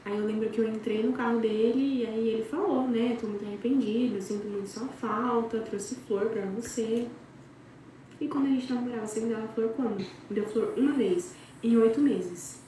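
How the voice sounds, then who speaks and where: Brazilian woman storyteller, chatty and dramatic, warm low-key tone, recorded at a distance in a roomy space. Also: a little fast. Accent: Brazilian Portuguese. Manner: chatty, dramatic, talks straight to friends. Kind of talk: casual gossip storytelling. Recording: very echoey room, far from mic, faint noise.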